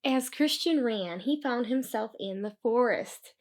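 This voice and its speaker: A woman reads a children's book aloud, storytelling expressively with deliberate, dramatic emphasis. Her voice is on the high side.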